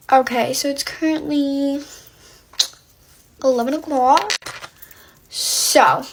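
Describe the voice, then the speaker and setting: High-voiced young woman gushing through makeup. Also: low-quality recording. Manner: gushing, filler-heavy valley-girl chatter. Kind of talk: get-ready-with-me storytime.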